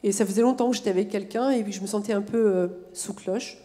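A woman from France in her forties with a French accent, a guest on stage, soft-spoken and quick to giggle. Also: medium pitch, in a large hall.

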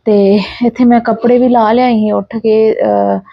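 A woman's voice: a little high, flat delivery, normal speed, vocal fry, lo-fi sound. A sleep-deprived mother, chatting casually in a family vlog, tired and worried and full of fillers and restarts. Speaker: vlogger and mother.

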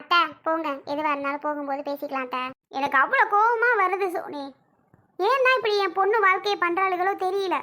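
A woman's voice: lively intonation, brisk, sharp tone, exaggerated voice. A woman playing a fierce, quarrelsome middle-aged mother-in-law who accuses and demands answers. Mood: angry. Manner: shrill, accusing.

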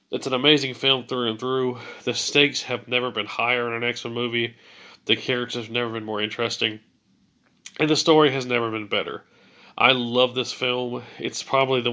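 A man's voice: medium pitch, bright, forceful tone. A man hosting a movie ranking video in a casual, enthusiastic way, sounding a little stuffy from a cold. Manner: enthusiastic, gushing praise. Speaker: movie list video host.

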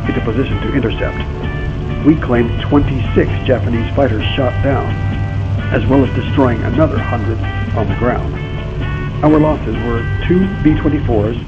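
Male narrator for a wartime mission briefing: grave and commanding, mid-pitched, dull game audio with music underneath. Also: normal speed. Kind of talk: scripted military briefing narration.

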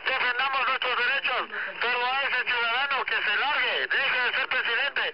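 A police officer, heard over a police radio transmission, talking agitated and defiant to fellow officers. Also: male voice, extremely high pitch, steady tone, moderate pace, dull audio, a little hiss or hum.

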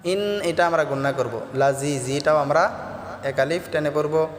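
A man teaching recitation, alternating slow melodic chanting with quick spoken explanations of pronunciation. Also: a little high, steady tone, a little hiss or hum. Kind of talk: Quran recitation lesson with chanted verses. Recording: echoey reverberant room with soft music.

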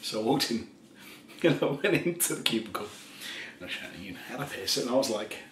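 A tipsy man in his thirties telling a rambling ASMR story in a soft voice, chuckling often and slipping into half-whispers. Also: mid-range voice, very animated, brisk. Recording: roomy echo, faint background hiss.

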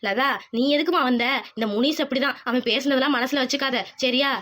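A woman's voice: high voice, a little fast, a bit bright. A woman doing a motherly village auntie. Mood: reproachful, soothing. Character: kindly older village woman, defends the workers. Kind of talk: cartoon voice acting.

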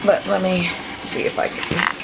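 This thirties-aged cooking vlogger has a lowish, gravelly voice with a level tone and measured pace. She narrates casually to herself as she works in her home kitchen, where a camera mic picks up kitchen sounds and running water.

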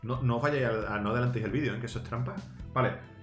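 A man giving excited gameplay commentary, coaching his teammates and shouting at big plays. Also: mid-range voice, very fast. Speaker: gaming YouTuber host. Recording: roomy sound with game music. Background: game music.

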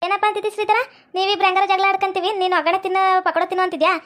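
A woman playing a meddling, deaf old village woman in a comic family skit, with a North Karnataka Kannada accent and a shrill, nagging, melodramatic way of talking. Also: steady tone, very fast, fairly bright tone. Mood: pleased.

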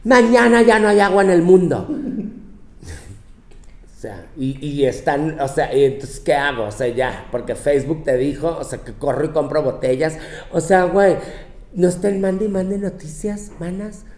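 A man's voice: fairly high pitch, fairly even intonation, a little slow, mellow, lightly acted. A man voicing a bossy young Mexican woman with a Mexican accent, lecturing her girlfriends in a profane, scolding comic monologue. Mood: sassy ranting. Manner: brash, profane, scolding, with mocking quoted voices. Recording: roomy, echoey room.

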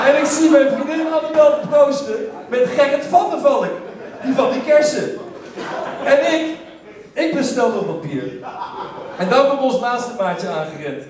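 A man telling a humorous story to a live theater audience, lively and breaking into shouted exclamations. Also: extremely high pitch. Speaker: stage storyteller. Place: theater stage. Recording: echoey theater from far off.

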